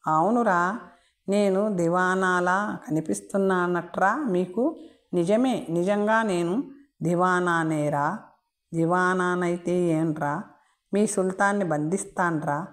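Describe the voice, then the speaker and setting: A woman voicing a raving mad man who rambles in proverbs, taunts and sings mock lullabies, low and unhurried. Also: expressive. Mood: defiant.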